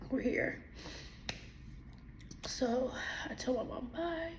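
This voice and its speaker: A young woman, teary from crying, tells a personal faith testimony in a casual, animated way, acting out her own dialogue. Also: high-pitched, takes it slowly, a little hiss or hum. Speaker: vlogger giving a testimony.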